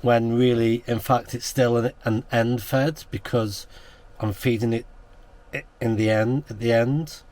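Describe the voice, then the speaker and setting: A British man from the United Kingdom speaks in a mid-range voice with a steady, slightly mellow tone and a measured pace. He's an amateur radio operator and vlogger on a portable radio outing, chatting casually for his vlog, swapping radio contacts and spelling things out in the phonetic alphabet.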